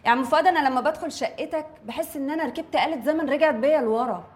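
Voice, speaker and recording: A woman's voice: sits high, very fast, slight background noise, lightly acted. An actress with an Egyptian accent playing a cheeky young cleaning woman who teases and mocks her employer. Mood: teasing. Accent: Egyptian Arabic.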